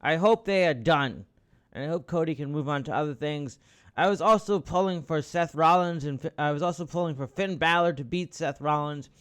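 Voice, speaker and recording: A man hosting a podcast in casual, rambling chat, with frequent restarts and the occasional curse. His voice is fairly high and comes across smooth and resonant. He keeps jumping into loud, excited outbursts. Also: fairly quick. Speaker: podcast host. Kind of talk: casual wrestling commentary.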